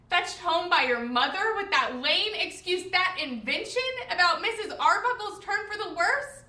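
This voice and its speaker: Woman doing a tragic stage heroine, lonely and bitter, sorrowful, high sharp voice, far from the mic. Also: full character voice. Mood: accusing. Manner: theatrical, sorrowful, bitter, swinging from outburst to hush. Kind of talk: dramatic stage monologue. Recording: echoey room, distant microphone.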